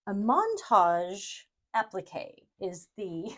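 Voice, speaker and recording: Woman crafting host, casual, rambling, self-deprecating, mid-pitched voice. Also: very animated, slow, fairly bright tone. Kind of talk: casual brainstorming chat while sewing.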